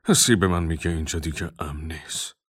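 Man voicing a wary, deep-voiced leader. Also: steady tone, a bit bright, breathy edge, no room sound, clean studio sound, full character voice. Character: wary male leader, commanding.

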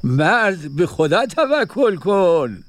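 A man's voice: high-pitched, very animated, no room sound. A man voicing a kindly, wise wandering dervish who reassures his companion in an audio story. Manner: gentle, reassuring, unhurried. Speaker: second dervish.

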